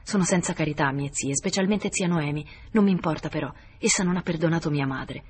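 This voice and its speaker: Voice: mid-range voice, fairly quick, slight background noise, natural voice. Reader doing a young guy at his wits end, pleading, half whispered, audiobook style. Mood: bitter. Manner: emotional, pleading, sometimes whispered. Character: young man, anguished and impulsive nephew. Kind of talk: audiobook character voice.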